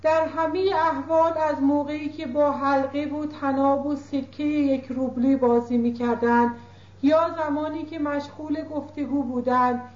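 A woman reading a classic novel aloud as an audiobook narrator, in a measured literary manner. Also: high voice, steady tone, a little mellow. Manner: measured literary reading, voices characters lightly. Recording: roomy lo-fi tape recording.

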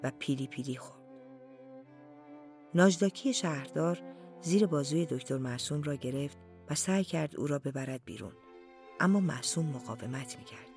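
An audiobook narrator with a mid-range, darkish voice reads a literary story. The delivery is slow and deliberate in a storytelling manner, sometimes sinking to near-whispers.

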